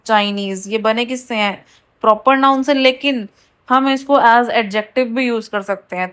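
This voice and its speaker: Woman teacher with an Indian accent and a higher-pitched voice. She reads the rules out slowly and explains them briskly. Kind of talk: grammar lesson in Hindi and English.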